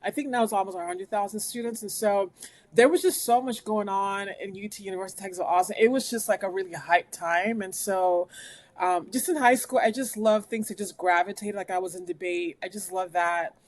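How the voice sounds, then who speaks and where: A woman in her forties, a lawyer guest in an interview, telling her story in a rambling, animated way with lots of fillers. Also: mid-range voice, fairly quick. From United States, West African family. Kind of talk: conversational interview. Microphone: remote recording.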